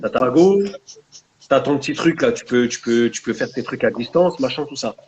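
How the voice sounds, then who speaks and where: A man's voice: mid-range voice, normal speed, dull audio, slight background noise. A young man with a French Maghrebi urban accent talks casually in a discussion, mixing street slang with Arabic religious terms. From France, of Maghrebi family. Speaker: guest, book author.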